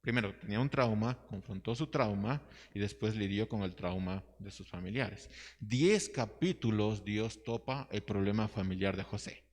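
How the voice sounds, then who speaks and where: A man's voice: fairly low pitch, normal speed. A man teaching a Bible study class, reading scripture aloud and asking his listeners questions. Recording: hall reverb.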